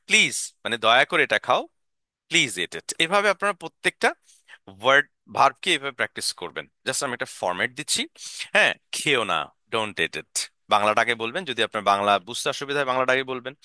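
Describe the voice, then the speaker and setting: A man teaches an English lesson, drilling short sentences and having learners repeat after him. His very bright voice swings widely in pitch, recorded dry and close to the mic.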